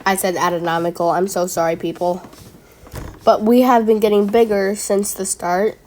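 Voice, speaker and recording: This woman's medium-pitched, dark voice moves at a measured pace as she offers casual reaction commentary on school myths. Playful and talkative, she argues with herself and gets tangled up in long words.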